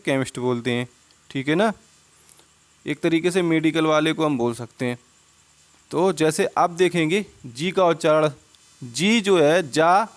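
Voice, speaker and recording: A man's voice: on the high side, smooth. A man with a slightly raised voice talks through a spelling lesson over slides. He poses a question, then gives the answer himself, saying each word twice in a patient, drilling way. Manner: asks questions and answers them himself, repeats words. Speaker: English teacher. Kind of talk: Hindi-language spelling lesson.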